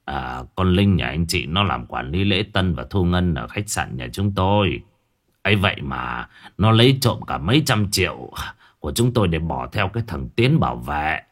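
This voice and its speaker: An evasive older hotel owner in a ghost storybook, hemming and stammering in a low, hushed voice, as a male narrator puts him on. He sounds deeper and quieter than the narrator. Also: big pitch swings, moderate pace. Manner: hesitant, stammering.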